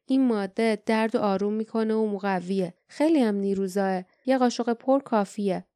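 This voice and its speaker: A woman reading the part of a calm, serious young man in an audiobook, speaking slowly and earnestly. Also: mid-range voice, no echo, clean studio sound, close to an everyday voice.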